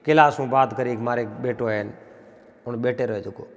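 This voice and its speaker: A man with a Marwari accent telling a traditional folk tale in a rhythmic, repetitive way, pausing often. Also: mid-range voice, long reverb tail. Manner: repetitive, rhythmic telling with frequent pauses and fillers. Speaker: folk storyteller.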